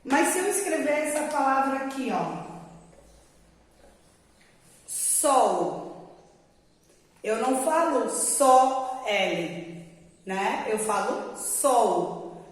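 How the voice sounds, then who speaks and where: A Brazilian woman teaching a lesson to young children, explaining slowly and patiently and often asking whether they follow. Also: high voice. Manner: slow, patient explaining with checking questions. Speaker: primary school teacher. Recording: very echoey room with long reverb.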